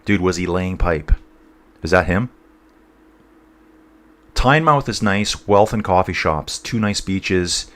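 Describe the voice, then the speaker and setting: A man's voice: low-pitched, takes it slowly, long pauses, fairly bright tone. A man from North East England hosting a casual cycling livestream, rambling between race commentary and reading out viewer chat, calling everyone dude and guys.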